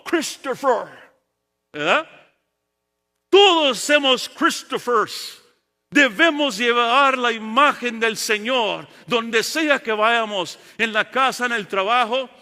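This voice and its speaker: A man preaching a bilingual sermon in a church sanctuary. He switches between Spanish and English and delivers slow, emphatic lists. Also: extremely high pitch, pushed and bright. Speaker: pastor. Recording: long church-hall reverb.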